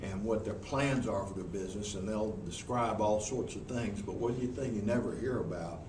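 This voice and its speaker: A man with a Southern US accent and a lowish voice answers interview questions at a moderate pace in front of a group in a meeting room. He's a professional speaker, folksy and earnest, often restarting his sentences. The recording is noisy and echoey, with the mic far off.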